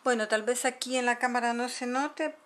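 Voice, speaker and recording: A middle-aged makeup tutorial host patiently explains, step by step, how she mixes powders at a table at home, filmed from an overhead camera. Her voice is on the high side at a normal pace. Spoons and bowls clink throughout this casual home how-to video.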